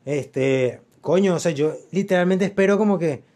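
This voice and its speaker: A man's voice: on the high side, moderate pace, dark tone. A young Venezuelan man telling stories in a loose, slangy casual chat, full of fillers and repeats. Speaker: podcast co-host.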